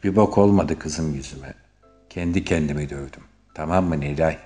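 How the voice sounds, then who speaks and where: A man playing a rough, hot-headed street guy who curses, threatens and mutters asides to the listener in a comic sketch. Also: rumbling low, normal speed, dark tone, soft background music. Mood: sulky. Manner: slangy, cursing, talks aside to listener.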